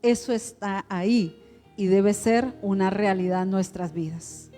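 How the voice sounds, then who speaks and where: A woman's voice: medium pitch, steady tone, unhurried, warm tone, soft background music. A woman pastor, preaching a sermon in a conversational way, with rhetorical questions to the congregation.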